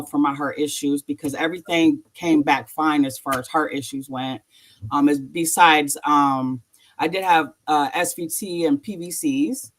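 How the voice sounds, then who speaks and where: A woman tells her personal story as an interview guest. Her speech is halting and emotional, broken by nervous laughter. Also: low-pitched.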